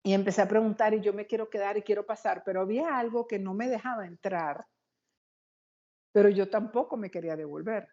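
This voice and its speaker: A woman guest in an interview tells her own story with eager, tumbling energy, words rushing out as she relives it. Her voice is mellow and warm rather than bright. The recording is a little dull and muffled. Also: medium pitch. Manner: animated, quick, excitable retelling.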